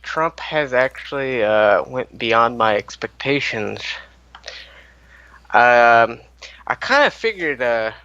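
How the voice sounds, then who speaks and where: A man's voice: mid-range voice, expressive, slow pace, sharp tone, smooth, dry recording, lo-fi sound. A man from North Carolina calling into a stream, a little drunk and talking loosely with plenty of swearing. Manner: loose, profane. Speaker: caller. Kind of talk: casual call-in chat.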